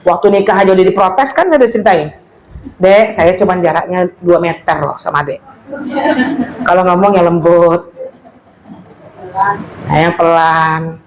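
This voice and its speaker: A woman with a big, powerful voice, from West Sumatra, giving a lively religious study talk to women, loud and playful and acting out quoted speech. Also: on the low side, a little slow, long pauses, slight background noise, poor audio. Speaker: female Islamic teacher.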